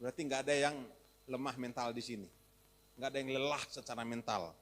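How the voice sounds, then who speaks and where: A man pastor with a Javanese accent preaching a sermon in a lively, teasing way, mixing in Javanese and English words and rising to shouts for emphasis. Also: mid-range voice, fast. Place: church hall. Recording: echoey church hall.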